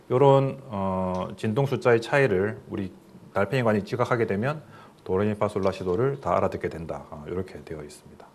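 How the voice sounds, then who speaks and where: A man's voice: lowish voice, a little hiss or hum. A middle-aged man, a professor, giving a recorded lecture in a plain explanatory way, with fillers and questions to the listeners.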